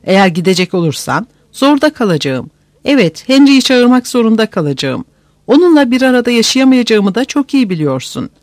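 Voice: mid-range voice, sing-song, fairly quick, no room sound, voice pushed up, lightly acted. A narrator voicing a timid, faint-hearted older aunt with a quavering, bleating voice in an audiobook reading. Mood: whining. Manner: whining, fretful.

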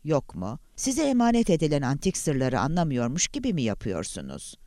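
A smug, menacing kidnapper, as read by a man, speaking calmly and formally with a sweeping, lively pitch. Every line drips with quiet condescension. The sound is dry and close, with no room at all. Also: moderate pace, dry recording. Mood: cold, condescending. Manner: calm, taunting, formal. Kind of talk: audiobook character voice.

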